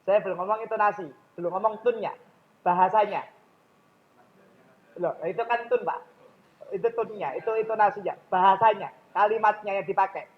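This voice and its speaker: Man, Javanese accent, high voice, mosque lecture, dull lo-fi recording. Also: a little fast, pauses often. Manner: questions the audience directly. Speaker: public speaking trainer.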